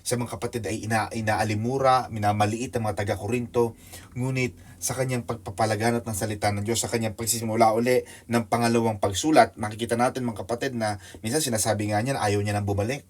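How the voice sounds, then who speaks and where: A man preaching a sermon in church, mixing Tagalog with English, calling on listeners by name, moving between loud excited storytelling and hushed quiet asides. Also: lowish voice, fast.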